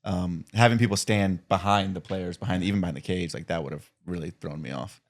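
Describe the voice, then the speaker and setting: Man, co-host and producer, very low voice, easygoing, jokes around. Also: brisk. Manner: relaxed, joking, laughs often. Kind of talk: casual chat.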